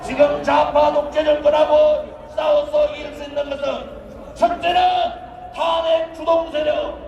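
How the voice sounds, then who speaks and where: A man giving a roaring, rallying political speech, shouting exhortations and drawn-out slogans to rouse supporters. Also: very high voice, flat delivery, distant mic, muffled recording. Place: large outdoor rally, heard over loudspeakers. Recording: echoey outdoor PA from afar, crowd noise.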